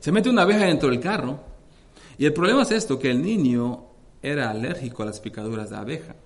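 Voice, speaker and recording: A man's voice: animated, fast talker. A male pastor preaching a sermon with fervent energy, reading scripture aloud and often addressing the congregation as brothers. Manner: reads scripture aloud with dramatic rises in pitch and force.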